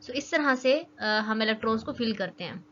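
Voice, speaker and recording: A woman's voice: a little high, lively intonation, moderate pace, fairly bright tone. A young woman giving a casual chemistry lesson, often checking in with "okay" as she explains. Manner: chatty, keeps checking in with "okay". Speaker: chemistry teacher. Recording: dull lo-fi recording with faint noise.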